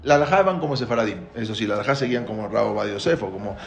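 A man's voice: fairly low pitch, racing, creaky, roomy sound. A man giving a spoken Torah lesson to a class, explaining with many restarts and rhetorical questions. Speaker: rabbi teaching a class.

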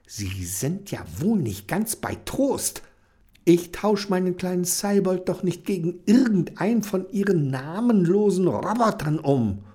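A man's voice: a little high, sing-song, measured pace, warm tone, pitched above the performer's own voice, exaggerated voice. A man voicing a caring, stubborn young girl in a children's storybook, in a raised, sweet voice. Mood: indignant.

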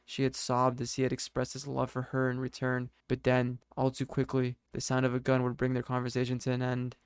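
A man narrating a scripted story in a steady, even reading voice. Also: mid-range voice, brisk, clear, resonant tone, no room sound, studio quality.

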